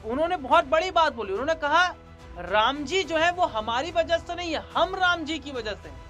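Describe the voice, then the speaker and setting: A man's voice: very high voice, animated, moderate pace, sharp tone, lo-fi sound. A man presenting a news report, emphatic, repeating points and asking rhetorical questions. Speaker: news anchor. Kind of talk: news commentary. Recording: faint background music.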